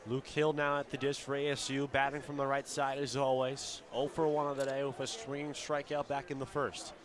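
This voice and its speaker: This radio baseball announcer, mid-range and monotone, calls the play-by-play fairly quickly in short, clipped phrases that lift with the action. An outdoor ballpark crowd and ambience fill the background.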